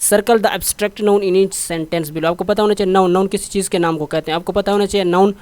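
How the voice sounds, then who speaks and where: A man's voice: sits high, fairly even intonation, brisk, a little mellow, clear, resonant tone, no echo. A man explaining a textbook exercise in Urdu with English terms, patiently repeating words and checking that students follow. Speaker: teacher.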